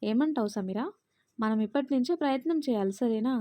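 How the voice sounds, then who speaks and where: Woman reading a steady young husband, reassuring, soft mellow tone, dry close sound. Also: a little high, a little fast, dry recording, close to an everyday voice. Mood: teasing. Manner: soothing, reassuring. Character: caring young husband, teasing yet steady.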